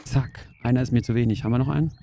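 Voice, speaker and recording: A woman streaming a simulator game, chatting excitedly and joking with her viewers. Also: extremely low pitch, very fast, heavy background noise. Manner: excitable, jokey, talks to viewers. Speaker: gaming streamer. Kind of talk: casual gameplay commentary.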